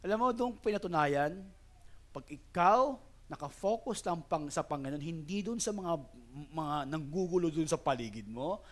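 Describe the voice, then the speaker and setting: A middle-aged Filipino man preaching a sermon in animated Taglish, telling a personal story that grows more excited. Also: a little high, moderate pace. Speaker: pastor.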